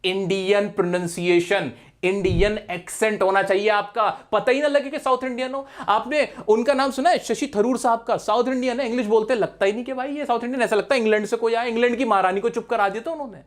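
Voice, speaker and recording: A man's voice: high voice, fairly even intonation, fast talker. Chatty Indian-accented male English teacher. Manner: chatty, direct, addresses viewers as brother. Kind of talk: casual classroom-style lesson.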